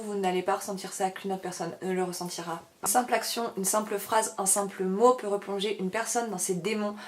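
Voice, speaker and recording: Young woman, French accent, vlogger, earnest, hesitant, self-correcting, mid pitch. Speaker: author and video blogger. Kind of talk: casual explanatory talk to camera.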